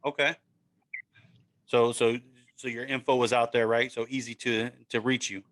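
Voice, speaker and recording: Upbeat bright-voiced male podcast host. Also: mid-range voice, level tone, normal speed. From Maryland, USA. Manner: upbeat, encouraging, says "man" and "right?" a lot. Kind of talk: casual sports podcast interview.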